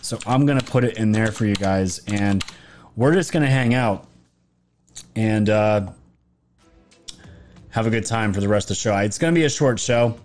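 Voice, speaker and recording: His voice is lowish and darkish, sore and fading as his throat gives out. The political commentator keeps talking anyway in a rambling, emphatic livestream monologue, often starting phrases over.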